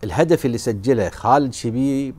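A man presenting football highlights, telling stories of old matches in a relaxed way. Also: a little fast. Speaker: sports show presenter.

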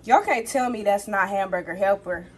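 Young woman, relaxed explaining tone, home kitchen phone audio. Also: mid-range voice, moderate pace, slight background noise. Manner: relaxed, explaining steps to viewers. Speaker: vlog host cooking. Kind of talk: casual cooking demonstration. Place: small home kitchen, indoors. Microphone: phone camera held close.

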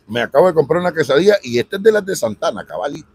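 A fairly high-voiced man with a Salvadoran Spanish accent talks to his viewers on a street livestream, chatty and upbeat. His voice is a bit husky and sounds dry and close, as if from a phone held in his hand. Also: rapid-fire, no room sound. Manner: chatty, greets viewers by name, lively swings in pitch. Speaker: livestream vlogger. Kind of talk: casual live street stream. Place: outdoors on a city street.

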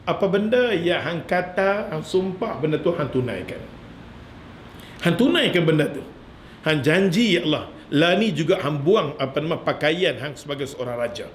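A man voicing a stern risen prophet who admonishes a king, in a lower, grave tone. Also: animated, moderate pace, roomy sound, a little hiss or hum, natural voice.

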